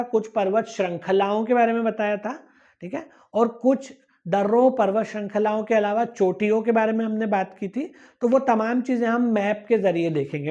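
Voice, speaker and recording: A woman's voice: medium pitch, mellow. A woman teaching an exam-prep lecture, patiently repeating key points and checking in with her students. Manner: patient, repetitive, checks in with "ठीक है ना". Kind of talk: recorded lecture explaining a map. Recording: dull lo-fi recording.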